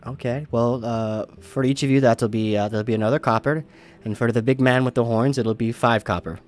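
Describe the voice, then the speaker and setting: Fussy middle-aged barmaid, put on by a man, raised pitch, stammering, game voice. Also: fairly even intonation, a little fast, darkish tone, close to an everyday voice. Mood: prim. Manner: flustered, stammering.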